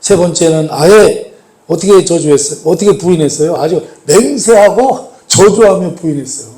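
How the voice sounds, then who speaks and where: A man's voice: sits high, moderate pace. A male pastor preaching a sermon, putting rhetorical questions to the congregation and leaning hard on key points. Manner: emphatic, swells louder on key points. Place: church sanctuary. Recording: echoey church hall.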